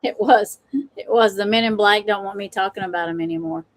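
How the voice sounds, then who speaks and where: A woman's voice: mid-range voice, brisk, no echo. A woman hosting a tarot live stream, chatting casually, laughing and mocking herself. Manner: laughing, self-mocking, exclamatory. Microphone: computer mic.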